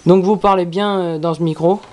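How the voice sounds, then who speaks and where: A product reviewer talking casually through an unboxing in a halting, repetitive way. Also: mid-range voice, steady tone, a little mellow. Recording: clearly noisy with handling clicks.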